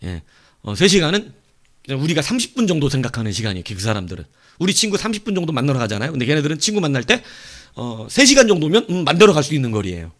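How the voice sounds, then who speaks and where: A male pastor preaches a sermon in a lively storytelling manner. His voice jumps between loud outbursts and soft asides while staying at a middle pitch.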